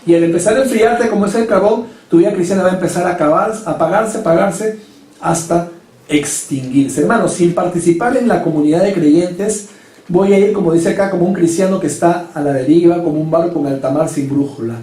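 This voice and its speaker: A man preaches a sermon in a high, mellow voice. He drives each point home with emphatic rhetorical questions. The sound carries through an echoey church hall from a mic set some way off. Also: fast, distant mic. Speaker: pastor.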